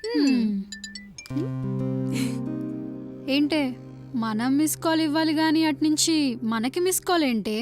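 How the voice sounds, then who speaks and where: An actress playing a young woman in a film comedy who teases her friend in quick banter. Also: sits high, lively intonation, a little mellow, faint music behind. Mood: curious.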